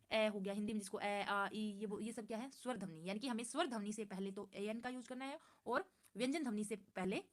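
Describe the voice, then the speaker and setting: A woman walks through a grammar lesson from slides. She repeats each point, answers her own questions and reads the English examples slowly and carefully. Her voice sits at an ordinary middle pitch. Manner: patient, repeats points and asks herself questions. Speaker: English teacher.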